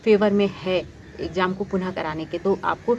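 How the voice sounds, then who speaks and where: A woman's voice: fairly low pitch, fairly even intonation, moderate pace, a little mellow, highs cut off, slight background noise. A woman talking straight to her viewers with earnest, pleading commentary, full of fillers and restarts. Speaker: YouTube commentator on exams. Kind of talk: direct-to-camera commentary.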